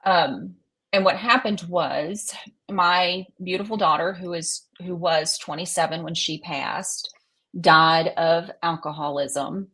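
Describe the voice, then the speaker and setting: A middle-aged woman speaks in a fairly low voice. She is an interview guest telling personal stories, folksy and frank, often halting and putting herself down. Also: a bit bright. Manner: folksy, candid, halting and self-deprecating. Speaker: interview guest, psychic medium and minister.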